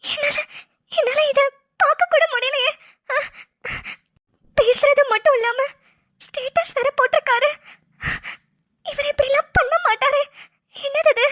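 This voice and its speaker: A weepy young wife, voiced by a woman in a cartoon. Her voice is very high and bright, shaky with sobs, and it sounds dry and close. She pleads, anxious and hurt. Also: measured pace, long pauses, no echo. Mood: tearful. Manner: sobbing, pleading. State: crying. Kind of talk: cartoon voice acting.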